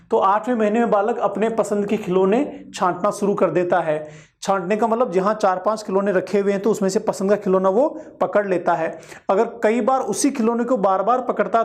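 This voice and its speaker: A male teacher giving an exam-prep lecture, explaining each point and repeating it with everyday examples. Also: high-pitched.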